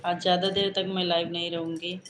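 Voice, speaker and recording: A woman chats casually with her livestream viewers, greeting each by name and replying to their comments. Her voice sits low and stays fairly level. The sound is echoey, with steady background noise. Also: brisk. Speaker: livestream host. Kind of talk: casual live chat with viewers.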